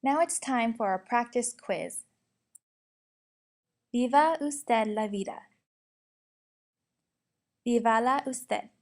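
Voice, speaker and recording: A young woman slowly and carefully reading out a lesson, explaining grammar and its examples. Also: fairly high pitch. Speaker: student presenter. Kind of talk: instructional narration.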